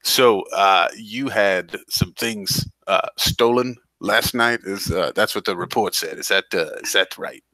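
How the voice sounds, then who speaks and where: A man playing a pompous, bumbling veteran police detective in a tabletop game, halting and overly courteous. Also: fairly low pitch, bright, forceful tone, dry recording, poor audio. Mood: halting, officious.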